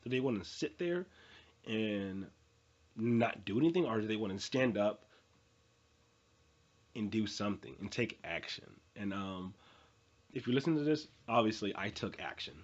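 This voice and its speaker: A motivational vlogger, an earnest young man in his twenties, gives an unscripted, rambling monologue packed with fillers, restarts and repeated phrases. His fairly low, husky voice is expressive and moves at a normal speed with frequent pauses. The recording sounds dull and muffled.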